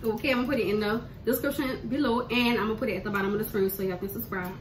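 A woman's voice: a little high, fairly even intonation, racing. A young woman with a New Orleans accent hosting a casual mukbang chat, bubbly and laughing often in loose slangy talk. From New Orleans, USA. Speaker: host. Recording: echoey room, mic at a distance, noisy.

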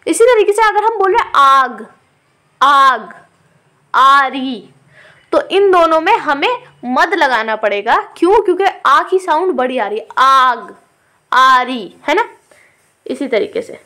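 A woman teaching an online language lesson, patiently repeating words slowly and clearly for her learners and mixing in English words. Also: extremely high pitch, animated, a bit bright. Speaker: Urdu teacher.

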